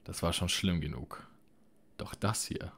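Audiobook role: a fiery young sorceress, voiced by a man, sharp and indignant. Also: sits low, measured pace. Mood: outraged. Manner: sharp, outraged delivery.

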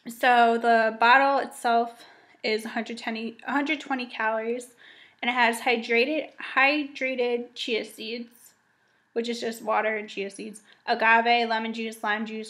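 Young woman, casual vlogger, slightly high voice, upbeat and chatty, webcam at home. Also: fairly bright tone. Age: young adult. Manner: chatty, upbeat, frequent ums and likes. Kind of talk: casual grocery haul vlog. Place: home dining room indoors.

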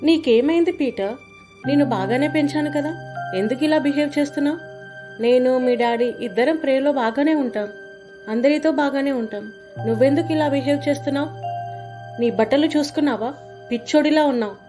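A woman's voice: a little high, steady tone, normal speed, pauses often, music in the background, lightly acted. A woman playing a devout mother scolding her grown son with earnest, preachy warnings, in an amateur short drama. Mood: exasperated.

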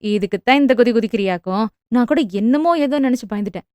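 A woman voicing an anxious, talkative middle-aged mother who scolds quickly and defends herself. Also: fairly high pitch, dark tone, no room sound, lightly acted. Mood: defensive scolding. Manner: fast, fretful, scolding.

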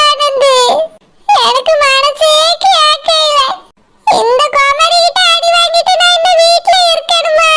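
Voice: very high voice, sharp tone, slight background noise, full character voice. A voice actor playing a scheming, self-pitying old village mother-in-law who wails and complains in a Tirunelveli Tamil accent. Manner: wailing, complaining, plays the victim.

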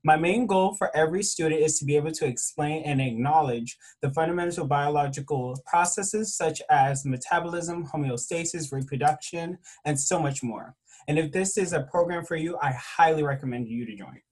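A man's voice: fairly high pitch, moderate pace, a little mellow, low-quality recording. A young man, a student vice president, giving a formal prepared update over a video call. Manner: reads formally from prepared remarks. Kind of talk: prepared presentation.

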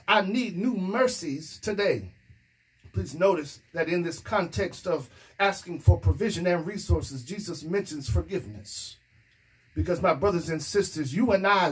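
Standing at a microphone set in front of his mouth, a middle-aged male pastor delivers a sermon in a high, husky voice. His delivery builds in intensity, punctuated by "amen" as he goes. The setting is a small indoor room with a plain wall behind him.

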